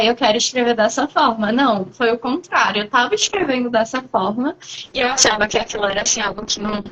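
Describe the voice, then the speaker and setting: A woman with a Brazilian Portuguese accent, a guest poet in a live online interview, explaining her writing thoughtfully and at length with frequent pauses. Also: a little high, fairly bright tone, dull audio, slight background noise.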